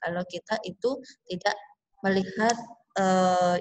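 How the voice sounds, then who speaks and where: Indonesian woman teacher explaining slowly. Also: medium pitch, steady tone. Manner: slow, explanatory, drawn-out English phrases. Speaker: English teacher. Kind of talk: online class lecture mixing English and Indonesian.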